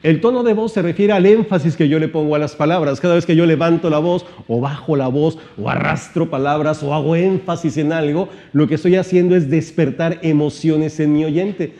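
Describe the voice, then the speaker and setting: Male trainer, mellow voice, fairly high pitch, lively rhetorical seminar delivery. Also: brisk, hardly any pauses. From Mexico. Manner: animated, playing with volume and pitch, many rhetorical questions. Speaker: motivational trainer. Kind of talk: seminar-style teaching talk.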